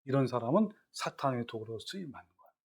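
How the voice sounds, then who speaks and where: A man's voice: mid-range voice, lively intonation, quick pace, husky. A man preaching a sermon as a pastor, asking his listeners questions and acting out quoted scripture.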